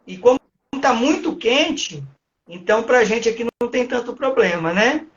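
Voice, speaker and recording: A man's voice: extremely high pitch, expressive, normal speed. A man interviewing a guest in a casual, prompting way. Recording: dull lo-fi recording.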